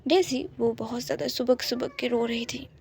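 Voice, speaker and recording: A woman narrating a romance story in a calm, soft-spoken way. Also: fairly high pitch, normal speed, gravelly.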